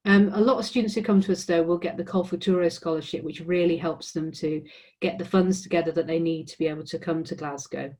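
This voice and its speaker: She talks fast, her warm, fairly low voice keeping a fairly even intonation. A university admissions representative from England with an English accent, she gives an informational presentation, often saying um and starting over.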